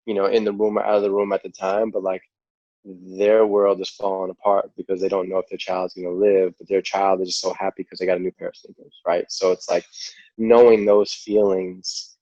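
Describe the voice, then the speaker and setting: A man with a New York accent telling his story as a podcast guest, relaxed and rambling, full of "like" and "you know.". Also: low voice, a little fast, no room sound. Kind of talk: casual interview storytelling. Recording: dull lo-fi audio.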